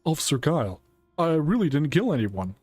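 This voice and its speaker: An imploring, wrongly accused prisoner in a detective game , as a man acts him out. The voice is lifted in pitch and earnest, recorded dry. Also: big pitch swings, fairly quick, a little mellow, no room sound, faint music behind. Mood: desperate.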